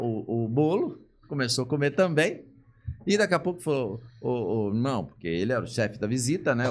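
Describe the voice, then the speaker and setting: Animated storytelling pastor. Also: male voice, mid-range voice. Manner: animated, acts out the people he quotes. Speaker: pastor, podcast guest. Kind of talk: personal storytelling in a podcast conversation. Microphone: podcast studio mic.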